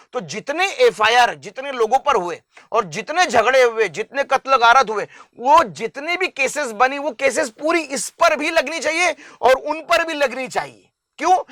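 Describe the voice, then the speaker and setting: A man's voice: very high-pitched, pushed and bright, no room sound, clean studio sound. A man from India, an interview guest making an impassioned public appeal, earnest and emphatic, stacking up long lists of examples.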